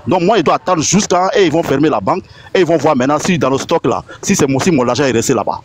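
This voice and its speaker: Excited man telling a story, slightly high. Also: fast talker, slight background noise. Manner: excited retelling, acts out dialogue with rising voice, many restarts. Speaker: caller giving a testimony. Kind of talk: animated storytelling on a live audio chat.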